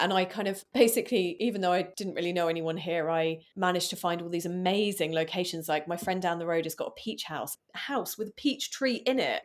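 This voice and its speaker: An English woman talking about her work in a casual interview, chatty, with many fillers. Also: on the low side. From England. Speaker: guest, floral artist.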